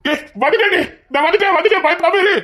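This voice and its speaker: A woman's voice: extremely high pitch, racing. Woman playing an urgent young man. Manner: urgent, shouting challenges. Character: man searching for his trapped wife, hot-tempered.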